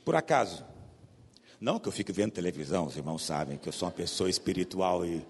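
A man preaching a sermon with a Goiás Brazilian accent, his voice gravelly and a little husky. He swings between loud emphatic bursts and low hushed asides, with a pitch that leaps and falls. His voice carries a long reverb from a large hall. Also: lively intonation, quick pace, slight background noise. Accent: Goiás Brazilian Portuguese.

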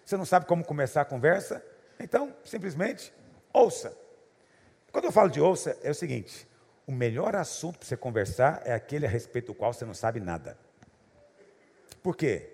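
Male pastor, very gravelly voice, lively swooping delivery, chatty storytelling, chuckles often, long reverb. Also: fairly high pitch. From Goiás, Brazil. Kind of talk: humorous preaching with anecdotes.

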